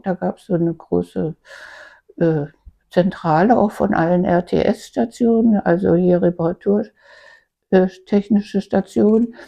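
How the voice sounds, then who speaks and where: An elderly East German woman in her eighties casually recounting her life, halting and searching for words as a grandmother does. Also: medium pitch, gravelly. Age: 80s. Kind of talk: casual personal reminiscence. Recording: dull lo-fi home recording.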